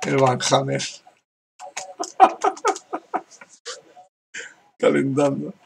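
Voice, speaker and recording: A man's voice: medium pitch, huge pitch swings, extremely slow, creaky, noisy background. A man from giving casual gameplay commentary, laughing often and reading other players' messages aloud. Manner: laughs often, reads out chat with "dice". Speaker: gaming youtuber.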